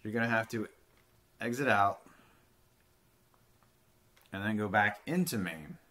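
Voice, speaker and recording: On his home desk mic, a man in his thirties casually talks through a retro handheld game for his retro gaming channel, rambling and swearing occasionally. His voice sits on the low side, a little slow, pushed and bright.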